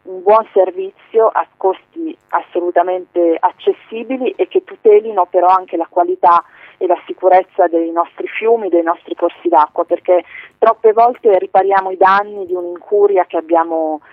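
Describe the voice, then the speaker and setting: A woman heard over a phone line, answering interview questions as a politician guest in a measured way, with frequent hesitations and filler phrases. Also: lowish voice, steady tone, no echo. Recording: tinny dry phone line.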